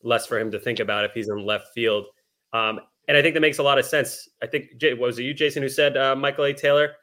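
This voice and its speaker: A man guesting on a sports podcast, reasoning through his points out loud in casual chat. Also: medium pitch, fairly even intonation, fast talker. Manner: analytical, thinks out loud.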